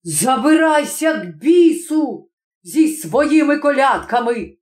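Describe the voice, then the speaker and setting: A woman voicing an angry young village blacksmith who shouts harshly. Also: high-pitched, expressive, slow pace, echoey room, voice pushed up. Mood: furious. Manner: shouting angrily.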